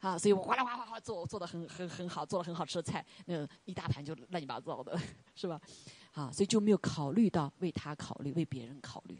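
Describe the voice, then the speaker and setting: Husky low-voiced woman preaching a testimony. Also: expressive, fast, hardly any pauses, darkish tone, no room sound. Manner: conversational storytelling, laughing often, acts out quoted voices. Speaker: church leader. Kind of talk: testimony sermon.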